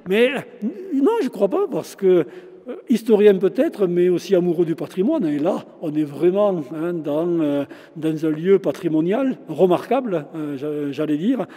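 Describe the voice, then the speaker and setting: A Frenchman in his sixties, a shop owner and local historian, answers casual interview questions haltingly, with many fillers and restarts. His voice is very mellow, dark and expressive, sitting a little high in pitch. He speaks through a face mask into a handheld interviewer mic, indoors in a large former stone chapel whose long reverb rings through the sound.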